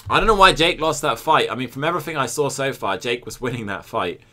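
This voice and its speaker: Brief: Scottish male streamer-commentator, bright bouncy delivery, cheeky and profane. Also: mid-range voice, expressive, quick pace. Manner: joking, swearing, chatting to viewers between play-by-play. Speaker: game streamer and tournament commentator.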